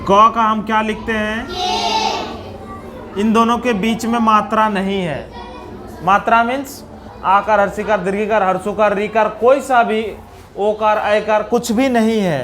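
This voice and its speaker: A man with a Bihari accent teaching young children, patiently spelling out letters and sounds one by one. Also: high-pitched. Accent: Bihari Hindi. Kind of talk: slow classroom explanation for young children.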